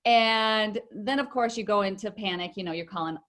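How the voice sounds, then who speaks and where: A woman's voice: medium pitch, normal speed, a bit bright. A middle-aged woman, a guest in an interview, telling a personal story in a chatty way with many fillers and restarts.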